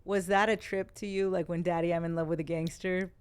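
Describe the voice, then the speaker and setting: A woman hosting a casual interview chat, animated and quick to laugh, giving shout-outs. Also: on the low side, smooth, dry recording. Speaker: host.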